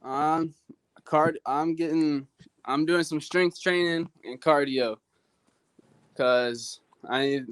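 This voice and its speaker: A man's voice: a little high, steady tone, slow pace, long pauses, fairly bright tone, smooth. A man speaking as an amateur fighter, giving casual, plain-spoken interview answers.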